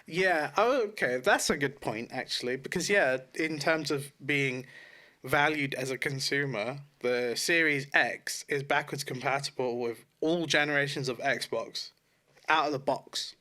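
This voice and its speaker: A podcast co-host with a medium-pitched, bright, forceful voice speaks a little slowly. He chats casually and informally, swearing and correcting himself as he goes.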